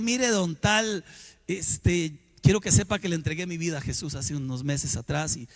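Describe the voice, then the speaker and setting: A middle-aged man preaching a sermon, telling personal stories and swinging between loud exclamations and hushed asides. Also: a little high. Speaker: pastor.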